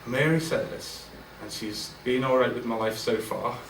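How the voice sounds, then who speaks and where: This man in his forties, a guest speaker at a business event, speaks to the crowd in a big room with a candid, informal manner, often restarting and using fillers. His mid-range voice moves at normal speed and sounds slightly bright. Captured by a distant mic, the recording is roomy, with faint ambience and a bit of hiss or hum.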